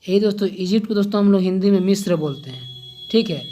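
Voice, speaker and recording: A man talking his viewers through an exam-prep lesson in an easy, chatty way. He keeps turning to the audience with little "okay?" checks. He pauses now and then to find his place. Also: high voice, animated, warm tone, faint music behind. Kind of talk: casual general-knowledge lesson.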